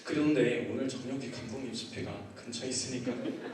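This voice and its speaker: A man, a pastor, telling his own story in a sermon, acting out his shouting and then his hushed prayers. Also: mid-range voice, fast talker, very noisy. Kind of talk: sermon testimony. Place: church hall. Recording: echoey hall, far from the mic.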